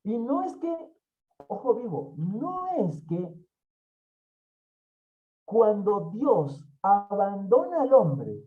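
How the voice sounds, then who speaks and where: A man's voice: high voice, very animated, extremely slow, long pauses, phone-quality sound. A man from Colombia, teaching an expository Bible study in an emphatic way and repeating his key phrases.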